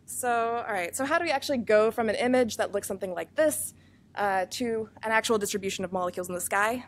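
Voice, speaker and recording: A woman scientist giving a conference research talk, explaining fast and earnestly, with many fillers and self-corrections, over a microphone in a room with speakers. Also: a little high. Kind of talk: academic conference presentation. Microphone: microphone feeding room speakers.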